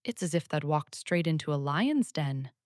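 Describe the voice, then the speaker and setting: A woman's voice: deep voice, expressive, moderate pace, darkish tone, dry recording, studio quality. A woman voicing a flustered young Yorkshire housemaid who exclaims and frets in dialect, in a storybook reading. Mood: amazed. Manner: exclaiming, dialect speech, agitated.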